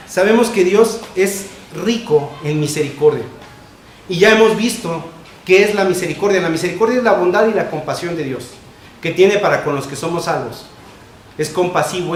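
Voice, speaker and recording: A man preaching a sermon as pastor, emphatic and repetitive, with quick shifts between loud and soft. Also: a little high. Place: church sanctuary. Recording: echoey church room with faint noise.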